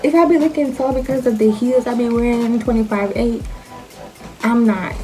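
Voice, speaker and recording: Young jamaican accent girl vlogging, woman w kinda high voice, slow playful slangy chat, bit of music behind. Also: fairly even intonation, dark tone, low-quality recording. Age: young adult. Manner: playful, slangy, self-questioning delivery. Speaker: vlogger answering questions about herself. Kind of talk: casual chat to camera.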